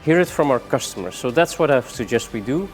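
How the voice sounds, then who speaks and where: A man giving a rushed product demonstration, moving between samples with many fillers and saying he is out of breath. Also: mid-range voice, animated, soft background music. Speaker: product presenter.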